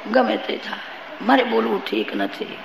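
Brief: male religious storyteller, high raspy-gravelly voice, live in an echoing hall. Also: wildly swooping pitch, normal speed, muffled recording, noisy background. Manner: storytelling with moral asides to the audience. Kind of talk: devotional scripture storytelling sermon. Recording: live hall recording, reverberant.

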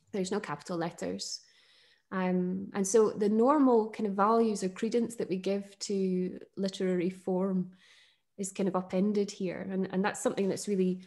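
A middle-aged woman with a Northern English accent hosting a casual conversation about poetry, thoughtful and enthusiastic, with fillers and soft laughs. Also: lowish voice. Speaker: podcast host.

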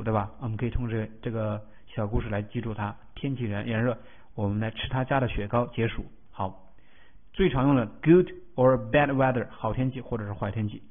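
A male teacher walks through English vocabulary in a recorded lesson, breaking words into roots and spelling out their letters. His voice sits at an ordinary middle pitch, and he often pauses to ask a checking question. The audio is thin and tinny, like a phone line.

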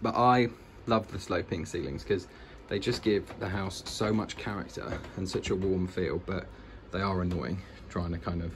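In a noisy handheld recording made indoors, a British vlogger gives a casual, enthusiastic walk-through of an old house, moving between rooms. He has a low-pitched voice, speaks at normal speed, and pauses little.

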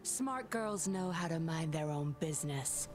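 Yinlin, a sly puppeteer. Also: female voice, sits low, lively intonation, a little slow. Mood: cool teasing. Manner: smooth, teasing, in control. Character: sly composed young woman puppeteer. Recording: game audio with music behind.

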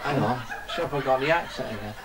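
A man's voice: medium pitch, fast talker, a crowd in the background, close to an everyday voice. A man playing a rambling Somerset farmer yokel. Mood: cheerful. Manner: rambling and folksy, tags lines with "see", "look" and "tell the truth". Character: bumbling rustic farmer man, cheerful simple yokel. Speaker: comic performer. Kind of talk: stage comedy character act. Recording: piano music playing behind.

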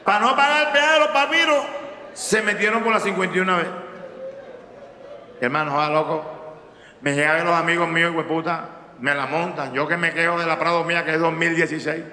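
High, bright costeño stand-up comedian. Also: male voice, a little fast, pauses often. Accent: Colombian Caribbean coast Spanish. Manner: profane, animated, slips into character voices. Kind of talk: stand-up storytelling. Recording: echoey hall, faint ambience.

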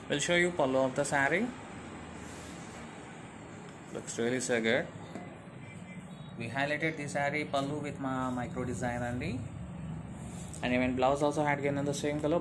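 A man's voice: medium pitch, background noise. A man with an Indian accent showing products as a seller, with effusive, repetitive sales patter in an informal style. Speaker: saree seller presenting products.

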